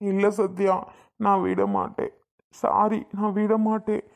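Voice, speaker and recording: A woman's voice: medium pitch, level tone, a little slow, vocal fry, darkish tone. A woman voicing an insistent, pleading young man in a cartoon who begs his ex-girlfriend to take him back. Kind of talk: cartoon voice acting.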